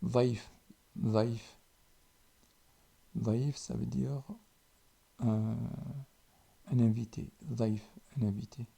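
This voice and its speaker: A man teaches a language lesson, saying each word slowly and then repeating it. His voice is very dark and mellow, with a gravelly edge. It also sounds a little husky. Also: medium pitch, fairly even intonation. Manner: slow and deliberate, repeating each word with pauses. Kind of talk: slow spoken lesson.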